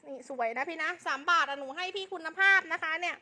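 Female live seller. Piercingly high and sharp, fast hype delivery with insistent, repeated sales lines. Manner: insistent, repetitive sales patter. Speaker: live-stream clothing seller.

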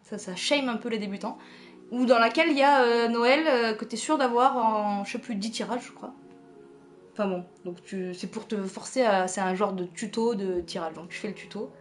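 A woman's voice: on the high side, normal speed, slight background noise. A woman streaming a game late at night at home, chatting loosely with her viewers and chuckling as she reads their messages. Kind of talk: casual live-stream chat.

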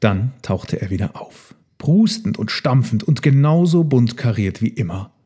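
A man narrating a children's storybook in a calm, even storytelling manner. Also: medium pitch, a little slow, breathy edge.

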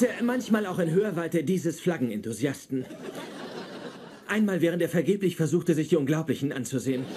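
A stiff pedantic genius. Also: male voice, high-pitched, background noise. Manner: precise, formal and stiff. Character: pedantic, awkward male genius physicist. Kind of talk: dubbed sitcom acting.

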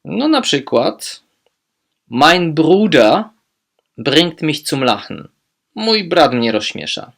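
Male language tutor, gravelly, unhurried, spells out each phrase carefully. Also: a little high, very animated, a bit bright. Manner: slow, modelling German phrases deliberately, quick asides in Polish. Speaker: German language teacher. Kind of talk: explaining German phrases in Polish.

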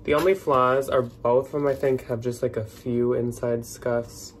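A man's voice: mid-range voice, little pitch movement, moderate pace, slight background noise. A man in his twenties with an American accent, hosting in a casual, chatty vlog style. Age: 20s. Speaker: host. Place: small plain room indoors.

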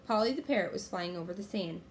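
A woman reading a children's chapter book aloud in a clear, steady storytelling manner. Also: mid-range voice, quick pace, a little hiss or hum.

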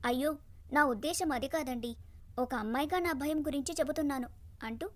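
A meek young bride with a bright, high voice who speaks politely and hesitantly, as a woman narrator puts her on. Storybook telling. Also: brisk, lightly acted. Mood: timid. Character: timid innocent young bride.

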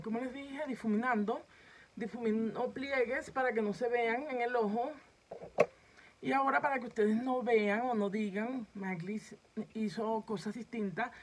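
A woman with a fairly high voice films herself at home for a makeup tutorial, talking straight to her viewers as she works. The recording sounds rough.

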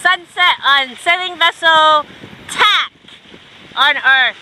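A woman's voice: high-pitched, takes it slowly, low-quality recording. A woman vlogging casually outdoors on a sailing catamaran at sea, chatty and exclaiming into a handheld camera. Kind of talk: casual vlog chat. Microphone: handheld camera mic. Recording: loud wind and water noise.

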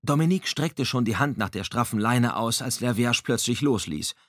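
A man reading an audiobook in a measured, dramatic storytelling manner on a close microphone. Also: mid-range voice, no room sound. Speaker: audiobook narrator. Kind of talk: scripted audiobook narration.

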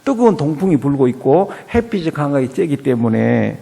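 A man preaching a sermon as pastor at a church, asking rhetorical questions and swinging from quiet to loud. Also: a little high, very animated, brisk, vocal fry.

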